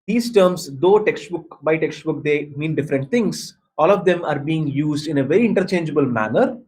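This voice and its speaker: A workshop speaker and design mentor with an Indian accent answers questions in an explanatory talk, his voice high-leaning, animated, and somewhat dark in tone at normal speed. He's emphatic and repetitive, often pausing to check on his listeners.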